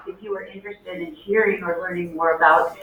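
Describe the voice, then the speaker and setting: A school announcer reading the daily announcements over the intercom in a clear, measured way, repeating the key details. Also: mid-range voice, fairly even intonation, narrow, tinny audio. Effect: school intercom loudspeaker. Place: classroom, heard through a ceiling speaker. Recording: echoey distant loudspeaker in a noisy classroom.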